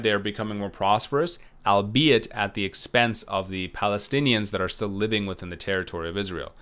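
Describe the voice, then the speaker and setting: In a recorded lecture, a professor speaks loosely and conversationally, full of fillers and restarts, correcting himself and sounding unsure about names. His voice is fairly low, with a sharp, clear and resonant tone.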